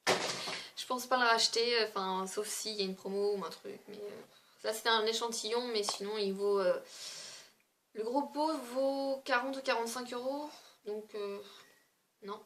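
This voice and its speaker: Chatty higher-voiced woman beauty vlogger. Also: steady tone, moderate pace, noisy background. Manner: chatty, hesitant with frequent fillers. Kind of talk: casual product review chat.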